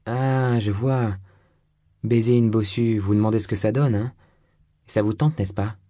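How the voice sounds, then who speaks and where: A man's voice: low-pitched, fairly even intonation, brisk, warm tone, breathy edge, no room sound, clean studio sound. A man voicing a blunt, suspicious young woman, a hunchbacked locksmith's apprentice, in an audiobook reading. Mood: furious.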